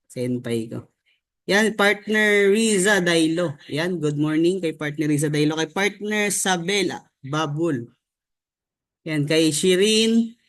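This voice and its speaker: A man's voice: a little high, takes it slowly, fairly bright tone. Chatty young man on a video call. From Philippines. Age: young adult. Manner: chatty, reads out names with frequent "no?" and "di ba?". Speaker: online business trainer. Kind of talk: casual motivational online training. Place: home room with a staircase behind.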